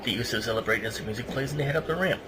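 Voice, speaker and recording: On a noisy amateur podcast recording, a male host reads a match report aloud at a very fast clip, adding wry asides along the way. His voice sits in the mid-range.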